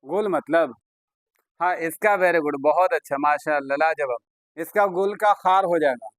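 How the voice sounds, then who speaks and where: A man teaches an Urdu vocabulary class in a chatty, coaxing way, often praising his students. His voice sits fairly high for a man. The recording is dry and close, with no room echo. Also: unhurried. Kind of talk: classroom lesson.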